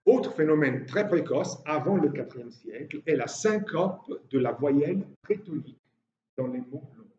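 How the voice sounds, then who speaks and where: A man's voice: a little high, animated, measured pace, dark tone. Man lecturing in an echoey hall. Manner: explanatory, with hesitations. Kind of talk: university lecture. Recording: roomy, distant, dull lecture-hall recording.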